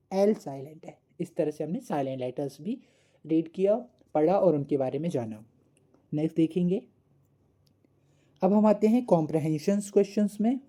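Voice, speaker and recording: Dark-voiced woman teaching a lesson. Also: lowish voice. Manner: repeats words slowly, asks the class questions. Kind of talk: classroom lesson explanation.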